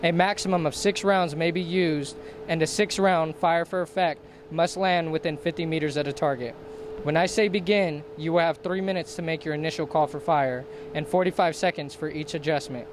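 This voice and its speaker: A man's voice: on the high side, normal speed. A man giving scripted military instruction in a formal, procedural manner, enumerating each step. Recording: clear steady ambient background noise.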